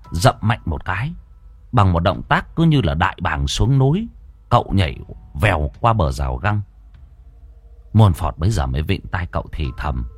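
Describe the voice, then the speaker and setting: A man's voice: low voice, no room sound. A man narrating a ghost story dramatically, acting out the characters' lines.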